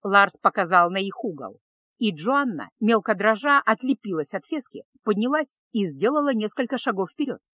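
Woman reading a fantasy audiobook, even pace, dry close sound. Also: mid-range voice, moderate pace, no echo. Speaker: audiobook narrator. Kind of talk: scripted narration.

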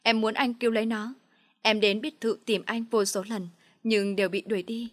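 A desperate young mother pleads through tears, her voice pushed higher and louder than the narration, as a woman reads her. The sound is close and dry, with no room around it. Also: fairly even intonation, moderate pace, dry recording, natural voice. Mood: submissive. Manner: begging, sobbing pleas.

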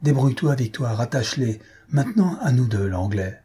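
A man reading the lines of a cool, commanding gentleman thief in an audiobook. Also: medium pitch, big pitch swings, normal speed, husky.

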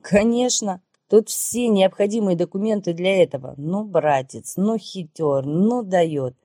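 A woman's voice: medium pitch, a little slow, dark tone, no echo, clean studio sound, lightly acted. A woman voicing an emotional, exclaiming man in an audiobook. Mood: excited. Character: excited man, a reformed businessman.

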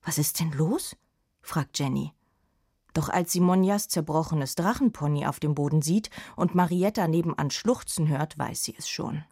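A woman's voice: sits low, normal speed, dark tone, slightly rough, dry recording. A woman narrating a children's storybook expressively in a studio.

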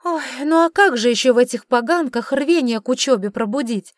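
A woman voicing a sharp-tongued, sarcastic witch in an audiobook, scolding and mocking. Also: high voice, animated, a little fast, no echo, clean studio sound, voice pushed up. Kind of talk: audiobook character reading.

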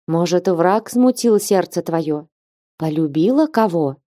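A dignified old abbess speaks slowly and weighs every word, as a female narrator puts her on. Her voice is low and mellow, and the recording is dry and close. It fits a storybook reading. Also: lively intonation, dry recording. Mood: grave. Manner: slow, grave, measured speech. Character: stern but loving elderly abbess. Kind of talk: audiobook character reading.

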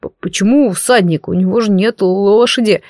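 A woman's voice: medium pitch, normal speed, a little mellow, dry recording, clean studio sound, natural voice. Timid young man, frightened, stammers; woman narrator voices him, audiobook. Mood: scared. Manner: nervous, stammering. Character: timid young male servant, easily frightened. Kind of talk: audiobook character voice.

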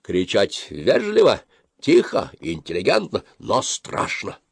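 A man's voice: lowish voice, lively intonation, moderate pace, no echo, clean studio sound. A man reading aloud voices a bossy young boy who leads his friends and gives stern orders.

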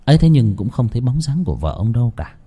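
A man narrating a ghost story in a lively, dramatic way. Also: medium pitch, fast talker, breathy edge.

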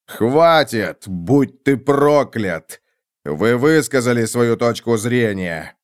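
A man voicing a proud, grieving nobleman in an audiobook, declaiming loudly and slowly. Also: lowish voice, clean tone, close to an everyday voice. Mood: angry. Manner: loud, slow, declaiming.

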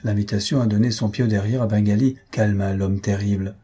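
Man, audiobook reader, steady, measured, mellow, husky. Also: lowish voice. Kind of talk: reading a novel aloud.

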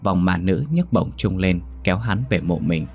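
Deep-voiced male ghost story narrator. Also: moderate pace, faint music behind. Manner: steady, dramatic storytelling.

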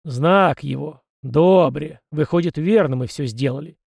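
A man doing a gruff, wry old elder. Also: fairly high pitch, measured pace, a little mellow, no room sound, heavily acted. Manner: stern, teasing, folksy old speech.

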